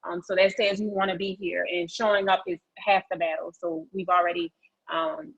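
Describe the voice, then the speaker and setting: A woman's voice: fairly low pitch, little pitch movement, moderate pace, vocal fry, breathy edge. A woman presenting a motivational training session over a video call, chatty and folksy, encouraging people to take part. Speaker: real estate agent leading a training session. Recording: dull, muffled video-call audio.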